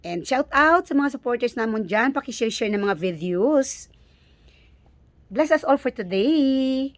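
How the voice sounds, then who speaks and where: A woman with a Filipino accent chatting casually to her viewers as a vlogger, often halting and repeating words as she searches for the next one. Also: on the high side, animated, no echo. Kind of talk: casual vlog chat to viewers.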